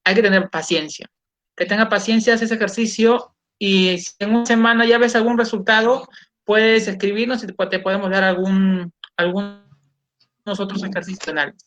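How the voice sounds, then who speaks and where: A man's voice: high-pitched, little pitch movement, a little fast, fairly bright tone. Guy hosting an online chat, explains stuff step by step, sounds out drills. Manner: explanatory, demonstrates speech drills aloud. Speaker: host and coach. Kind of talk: casual online interview.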